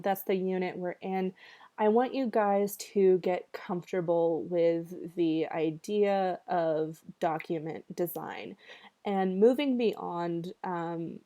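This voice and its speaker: A woman's voice: lowish voice, dark tone. A woman teaching a college writing class in a recorded video lecture, with a slightly nasal voice from allergies and a conversational way of talking, full of ums and check-ins with students.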